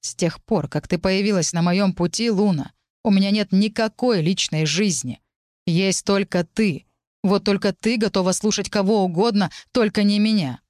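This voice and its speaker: A woman's voice: moderate pace, a little mellow, dry recording, studio quality, lightly acted. A woman voicing a cool, defiant young necromancer. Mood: restrained, cold. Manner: low, restrained, cutting.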